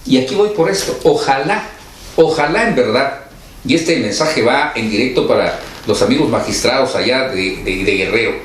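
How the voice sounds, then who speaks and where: A man, hosting a talk show in a conversational way, often pausing and searching for words. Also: mid-range voice, expressive, a bit bright. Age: 60s. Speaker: host. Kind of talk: radio-style talk show chat. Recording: very echoey room with faint noise.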